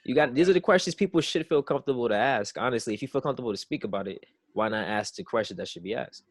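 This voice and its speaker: A young man co-hosting a podcast, talking frankly in a casual chat with lots of halting restarts and fillers. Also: medium pitch, animated, no echo. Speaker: podcast co-host.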